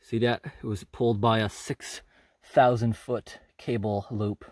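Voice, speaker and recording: Outdoors on a forest trail, a hiker records a walking tour on a handheld camera, narrating casually as he goes. His lowish male voice is unhurried, relaxed and observant, thinking aloud, and the recording sounds dry.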